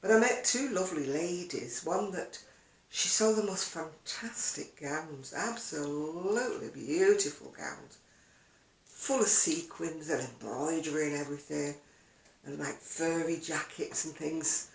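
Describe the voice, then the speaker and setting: An older woman, a video blogger who sells crafts, chats casually to camera in an echoey room, rambling with self-deprecating asides. Her low voice is unhurried, with vocal fry.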